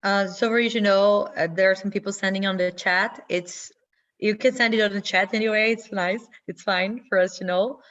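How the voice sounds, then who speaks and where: A young Brazilian woman runs an online info session over a video call as its webinar host, walking through steps in a friendly, instructive way. Her non-native English has small slips, and her mid-range voice is steady, a bit bright and at normal speed, though the audio sounds dull.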